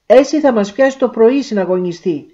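A woman voicing an eager, quick young female factory worker in a spoken story, with lively questions. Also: on the high side, lo-fi sound, voice pushed up, natural voice.

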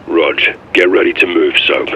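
An actor playing an alert special forces operative, giving procedural reports in military game dialogue. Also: male voice, sits low, steady tone, normal speed, pushed and bright, slight background noise. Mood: businesslike. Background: game score.

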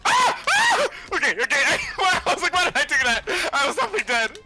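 A young man streaming a fighting game match, excitable and laughing, swearing and trash-talking his opponent. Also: very high voice, fast talker, faint music behind. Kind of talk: casual live gameplay banter.

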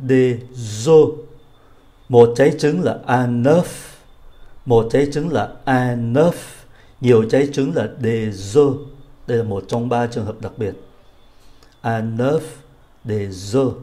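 Slow, mellow-voiced man teaching French. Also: medium pitch. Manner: slow careful French readings between quick explanations. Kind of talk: language lesson, reading aloud and explaining.

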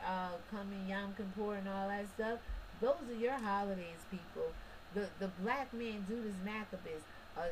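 Against a noisy background, a mid-range female voice addresses listeners directly in an informal, sermonizing monologue about religion. Emphatic rhetorical questions, colloquial asides, restarts, and brief laughs mark her casual speech.

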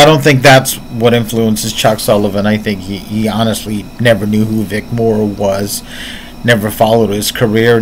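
A man's voice: lowish voice, slight background noise, low-quality recording. A man giving casual reaction commentary on martial arts, explaining his points earnestly while thinking aloud.

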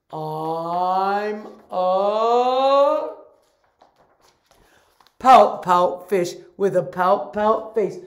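A woman voicing a gloomy male storybook fish who chants his dreary refrain in a loud sing-song. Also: mid-range voice.

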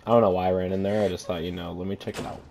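A man with a lowish voice gives live commentary as a scared horror game streamer. His talk is casual, slangy and full of swearing, with a panicky edge. Some game ambience and noise sit behind him. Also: little pitch movement, rapid-fire, creaky, a little mellow.

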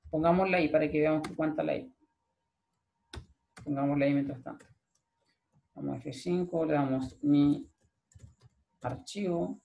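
This is a fairly high, creaky, slightly mellow male voice. He's a programming lecturer with a Chilean Spanish accent, explaining things one step at a time in a recorded screen-share class and frequently asking "¿ya?" to check in.

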